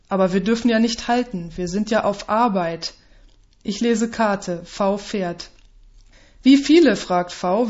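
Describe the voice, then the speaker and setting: A woman's voice: mid-range voice, a little mellow. A woman narrating a story aloud in a wry, understated manner, in a dull lo-fi recording.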